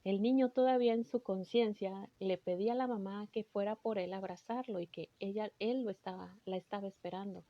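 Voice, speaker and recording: A woman's voice: medium pitch, steady tone, no echo. Earnest woman, dull dry recording. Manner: earnest, emotional, halting with restarts. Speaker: spiritual healer recounting a session. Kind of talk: personal storytelling.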